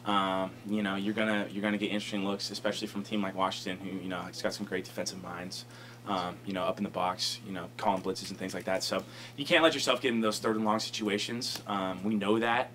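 Deep and level, with a fairly bright tone, this young adult's voice carries a little hiss or hum in the recording. He's a college football lineman answering reporters after a game at a table mic in an indoor press conference room. His answers come quickly and wander, packed with "um" and "you know."

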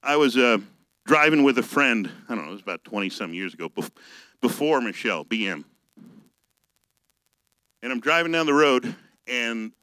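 A male pastor giving a conversational sermon, reading scripture slowly and telling personal stories. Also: mid-range voice, pushed and bright, no room sound, rough recording.

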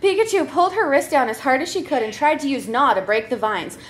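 A woman from a comedy troupe reads a comic story aloud, giggling and breaking up as she goes. Her voice is high and animated, she talks fast, and there's slight background noise.

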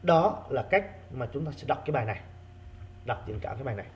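A male primary school teacher giving an online reading lesson, repeating key words slowly for his pupils. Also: medium pitch, expressive, lo-fi sound.

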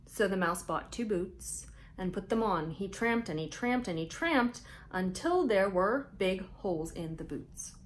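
Reading a picture book aloud to little kids, this thirty-something host speaks at a medium pitch and draws out her words expressively. The indoor camera-mic recording carries slight background noise.

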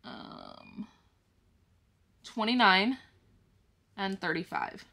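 A woman's voice: medium pitch, wildly swooping pitch, extremely slow, vocal fry, sharp tone. A woman vlogging about her budget, explaining each step to viewers in a casual way and counting money aloud as she goes. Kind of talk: casual talk-through to the viewers.

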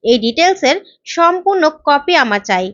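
A woman's voice: sits high, big pitch swings, normal speed, a bit bright, no room sound. A woman voicing a confident, fierce woman investigator who speaks in commanding retorts, on a slightly dull lo-fi recording. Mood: firm.

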